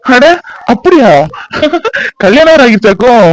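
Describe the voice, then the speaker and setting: A man voicing a remorseful father back home after years away in an animated family drama, gentle and questioning. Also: very high-pitched, a little slow. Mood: fatherly.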